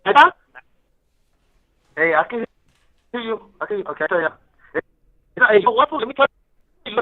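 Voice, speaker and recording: A man calling on a prison phone line with choppy, garbled audio that sounds underwater, talking excitedly and swearing freely. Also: high-pitched, brisk, no echo. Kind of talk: casual phone chat mixing in Spanish. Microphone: prison phone handset.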